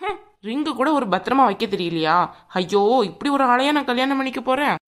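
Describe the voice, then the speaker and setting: A woman's voice: sits high, animated, brisk. A woman voicing a quarrelsome young bride-to-be in a cartoon, sarcastic and nagging. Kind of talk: cartoon voice acting.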